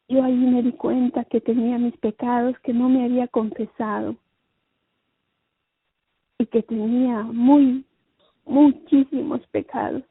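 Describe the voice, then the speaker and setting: A woman tells her personal testimony in a slow, husky, slightly high voice. She halts and repeats her phrases. It sounds like a dry, tinny phone-line recording. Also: no echo. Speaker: guest giving a religious testimony.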